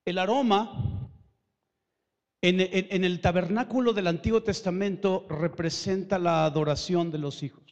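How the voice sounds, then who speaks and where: In a church hall, a man with a high-pitched voice delivers a lively sermon, a long reverb trailing his words. He's emphatic and animated, tossing in joking asides and tripping over repeated words, speaking a little slowly on a lo-fi recording.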